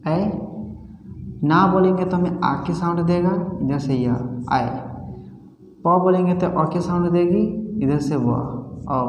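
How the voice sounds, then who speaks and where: A male teacher with a Bhojpuri-tinged accent talks slowly through a grammar lesson. He quizzes and answers himself and repeats syllables as drills. His voice rings in a roomy space with a long reverb tail and faint music underneath. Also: fairly high pitch, darkish tone, slight background noise. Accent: Bhojpuri-tinged Hindi. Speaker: Sanskrit teacher.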